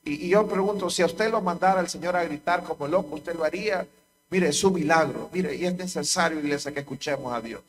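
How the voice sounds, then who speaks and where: A man's voice: a little high, fairly quick, slight background noise. A man with a Honduran accent preaching a sermon to a church congregation, repeating key lines with emphasis. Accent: Honduran Spanish. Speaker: pastor.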